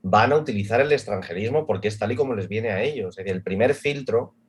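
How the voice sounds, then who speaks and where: A man's voice: lowish voice, fast, slightly rough. A man explaining his point in a casual panel discussion, in a colloquial way. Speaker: panel guest.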